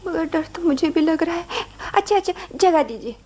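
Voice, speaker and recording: A woman's voice: extremely high pitch, expressive, moderate pace, warm tone. A woman playing a timid, easily frightened young wife in a radio drama. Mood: nervous. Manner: timid, nervous. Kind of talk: vintage radio drama acting.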